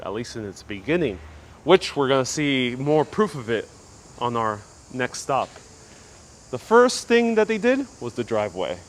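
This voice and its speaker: A man giving a casual, chatty live walking tour, politely answering viewers, his voice slightly muffled through a mask. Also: mid-range voice. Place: outdoors, walking on city streets. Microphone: clip-on mic worn on the body. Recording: street noise, outdoor live stream. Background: street ambience, passing vehicles.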